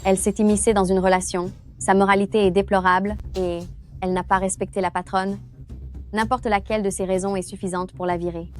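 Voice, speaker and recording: A woman's voice: medium pitch, flat delivery, brisk, soft background music, close to an everyday voice. Woman voicing a snippy coworker piling on accusations. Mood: accusing. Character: scornful office colleague. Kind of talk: French drama dubbing.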